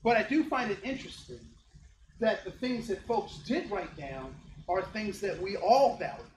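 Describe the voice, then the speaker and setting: A man's voice: sits high, lively intonation, normal speed. A man in his fifties from Ohio, giving an interactive, joking workshop talk to a live audience and often checking in with them. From Ohio, United States. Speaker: diversity trainer. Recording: echoey room, faint background hum.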